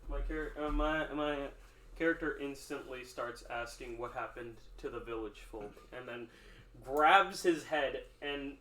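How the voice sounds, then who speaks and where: A man's voice: medium pitch, a little slow, bright, forceful tone. A man playing in a tabletop game, describing actions hesitantly with lots of fillers, in a roomy recording. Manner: hesitant, lots of likes and ums. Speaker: player. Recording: roomy with faint noise.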